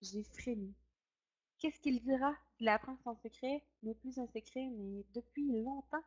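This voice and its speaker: A woman storyteller reading a children's story aloud. She narrates in the first person and keeps the reading expressive. Her voice sits on the higher side. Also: unhurried.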